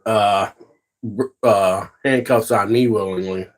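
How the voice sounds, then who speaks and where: A man's voice: on the low side, steady tone, slow pace. A man hosting a casual livestream, chatting with viewers and ranting with heavy profanity. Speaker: livestream host.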